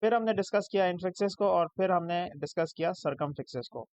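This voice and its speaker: A man's voice: high voice, brisk, darkish tone, no echo. A young man with a Pakistani Urdu accent, teaching a recorded English lesson over slides. He explains step by step and checks "ठीक है?" after each point. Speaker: English tutor. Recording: dry, dull lo-fi sound.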